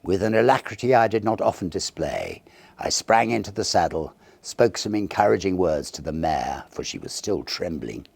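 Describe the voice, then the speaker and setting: A man with a low, gravelly voice tells a Victorian ghost story as an audiobook narrator. He reads in a measured, theatrical way, full of lively swoops and dramatic pauses, like a classic storyteller. There is no room sound.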